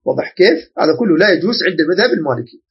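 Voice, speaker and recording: A man from Iraq with an Iraqi Arabic accent, teaching a religious jurisprudence lesson and often pausing to check that listeners follow. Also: high-pitched, animated, breathy edge, lo-fi sound. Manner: explanatory, checks understanding often.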